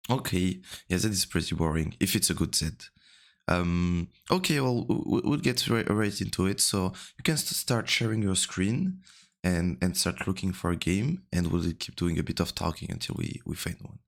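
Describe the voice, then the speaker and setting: Low, gravelly-voiced man coaching softly. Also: normal speed. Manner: soft-spoken and rambling, many fillers. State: just woke up. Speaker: game coach. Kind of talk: casual coaching call. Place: home room at night. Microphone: close to the mic.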